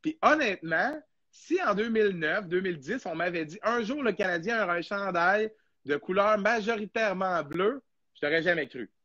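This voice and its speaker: A man's voice: sits high, animated, normal speed, bright, forceful tone, no room sound, dull audio. A young man with a Québécois French accent hosting a casual live podcast, chatty and rambling with lots of fillers. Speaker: podcast host.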